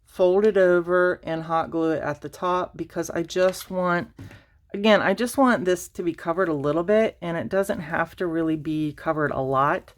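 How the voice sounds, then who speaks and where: A low-voiced woman who hosts a crafting channel walks through a project in a casual tutorial. She rambles at a moderate pace, restarts sentences, uses many fillers, teases herself, and sounds slightly out of breath.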